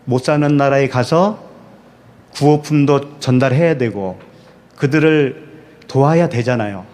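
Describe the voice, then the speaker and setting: Korean pastor preaching with rhetorical questions. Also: male voice, medium pitch, unhurried, darkish tone. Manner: asks the congregation rhetorical questions and answers them himself; repeats key words for emphasis. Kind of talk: sermon.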